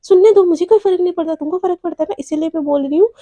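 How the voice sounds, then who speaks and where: A woman's voice: extremely high pitch, rapid-fire, mellow, no room sound. A woman voicing an upset young woman arguing and pleading with her girlfriend in a storybook romance. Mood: protesting.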